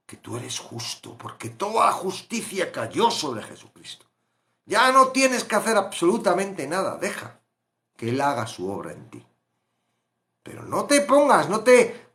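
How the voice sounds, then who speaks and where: A man teaching a live Bible study, fervent, dropping to hushed and rising loud. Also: high voice. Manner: fervent, acts out quotes, swings loud to hushed.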